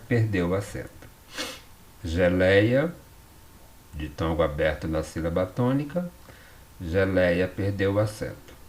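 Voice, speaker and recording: A man's voice: low voice, a little mellow. A man with a Brazilian Portuguese accent giving a recorded school lesson, explaining patiently and often checking in with tag questions. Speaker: teacher.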